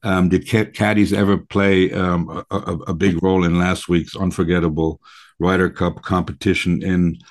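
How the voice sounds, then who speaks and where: A man hosting a radio talk show in a conversational style, with halting, deliberate phrasing. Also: deep voice, little pitch movement.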